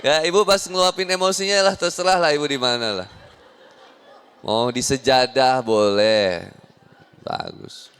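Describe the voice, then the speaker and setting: A man preaching with a Sundanese accent to a women's audience, lively and jokey, acting out little everyday scenes in different voices. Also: mid-range voice, unhurried, pauses often, clean tone. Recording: long hall reverb.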